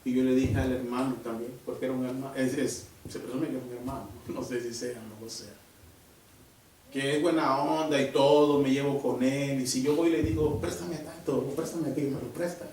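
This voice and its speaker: A man preaching a sermon at church, emphatic and animated, often dropping into a hushed voice as he tells a personal testimony. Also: mid-range voice, fairly quick. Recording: very echoey church hall from far off.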